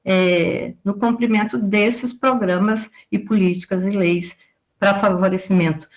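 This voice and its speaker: A woman's voice: mid-range voice, steady tone, unhurried. A woman in her forties from southern Brazil giving a lecture as an agricultural consultant, explaining at length and tagging her sentences with a questioning "right?". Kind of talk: live lecture to students.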